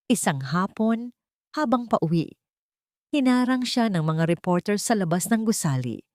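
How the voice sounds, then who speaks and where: Narrating a scripted, dramatic romance story, a woman with a Filipino accent reads in a medium-pitched, darkish voice. The recording is dry and studio quality.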